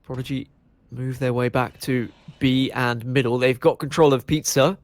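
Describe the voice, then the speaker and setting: A man doing lively play-by-play commentary on an esports match, bantering jokingly with his co-caster over a headset mic. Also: medium pitch, normal speed, no room sound. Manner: animated, jokey banter.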